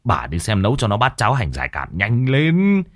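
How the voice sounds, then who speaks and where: A man's voice: fairly low pitch, big pitch swings, normal speed, pushed and bright. A man voicing a harsh, bad-tempered middle-aged father, barking orders. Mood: angry scolding.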